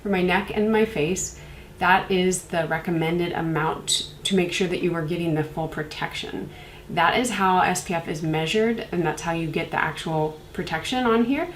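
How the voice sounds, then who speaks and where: A woman's voice: on the low side, moderate pace, reverberant, slight background noise, low-quality recording. Congested chatty woman reviewing skincare. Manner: chatty, rambling, many fillers like "like" and "um". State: congested from a cold. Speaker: beauty reviewer. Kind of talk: casual product review vlog.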